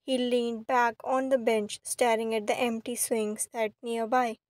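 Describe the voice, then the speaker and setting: A woman narrating a romantic fan fiction story in a steady, even reading voice. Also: a little high, unhurried, no echo.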